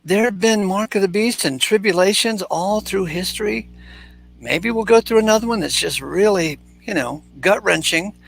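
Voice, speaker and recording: A man's voice: sits high, moderate pace, vocal fry. A man in his sixties hosting a casual chat, talking bluntly and with energy, swearing freely. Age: 60s. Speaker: host.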